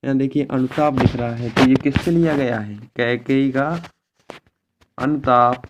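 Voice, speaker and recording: A man's voice: mid-range voice, steady tone, unhurried. A male teacher going through an exam paper step by step, repeating each answer and checking in with a short confirming word. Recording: slightly dull lo-fi recording with faint noise.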